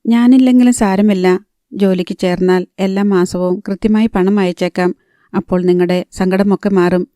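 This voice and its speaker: A woman's voice: medium pitch, steady tone, normal speed, warm tone, no room sound, studio quality, lightly acted. A woman narrator voicing a young woman who resolutely reassures her family before leaving home for work, in an audiobook.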